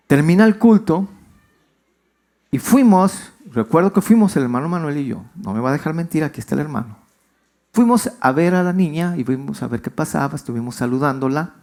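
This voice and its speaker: A male pastor, giving a conversational sermon and asking his congregation questions. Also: darkish tone. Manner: conversational storytelling, asks the congregation questions, pitch swings widely. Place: church.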